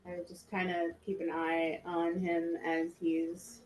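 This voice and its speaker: A woman's voice: on the low side, completely flat delivery, measured pace, darkish tone, reverberant, slight background noise, poor audio. A woman playing a tabletop game, talking casually and hesitantly as she thinks aloud. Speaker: player.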